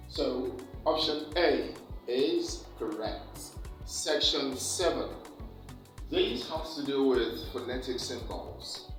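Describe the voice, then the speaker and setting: A man teaching an exam preparation lesson, slowly and deliberately, repeating key words for emphasis. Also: a little high, distant mic. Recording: echoey room, off-mic, faint music.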